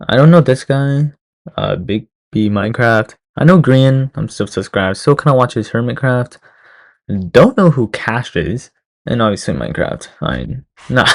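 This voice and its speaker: Rambling young man reacting casually. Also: medium pitch. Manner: rambling, full of fillers and restarts. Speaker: reaction streamer.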